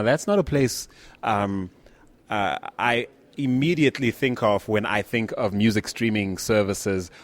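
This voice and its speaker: Guy hosting the interview, upbeat, lively questions. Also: lowish voice. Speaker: interviewer host. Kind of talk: interview chat.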